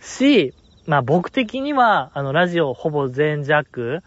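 A podcast host with a Kansai accent chats casually and playfully about listener mail, his commentary lively and full of laughs. He speaks a little high at a measured pace. The recording is dry, dull and lo-fi.

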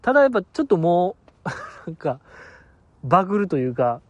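A man's voice: sits high, very animated, fairly quick, dry recording, dull audio. A man hosting a podcast alone, chatting casually in a rambling, self-mocking and sleepy way. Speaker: podcast host. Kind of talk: casual solo podcast chat.

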